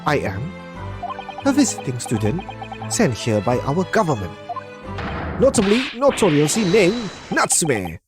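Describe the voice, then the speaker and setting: A woman reading a game script aloud, voicing an excitable, theatrical young male poet prisoner who speaks in grandiose, alliterative phrases. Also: measured pace, long pauses, heavily acted. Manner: grandiose, alliterative, lurching pitch leaps. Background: game music.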